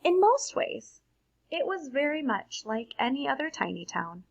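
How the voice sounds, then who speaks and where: Woman, higher-pitched voice, creaky edges, expressive children's read-aloud, simple explanatory asides. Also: measured pace, muffled recording. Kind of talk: read-aloud picture book narration with casual asides to young listeners.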